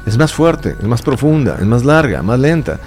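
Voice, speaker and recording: A man's voice: medium pitch, very animated, moderate pace, darkish tone, soft background music. A man in his fifties, raised in Mexico, talking emphatically and lecturing as a guest in a radio studio. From Chile, raised in Mexico. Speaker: stage hypnotist guest. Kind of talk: radio interview chat.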